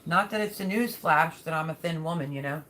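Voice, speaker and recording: A woman's voice: low voice, fairly quick, a bit bright, slight background noise. A woman hosting a casual live chat, talking in a folksy, affectionate way as she reads and answers viewer comments. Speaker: livestream host.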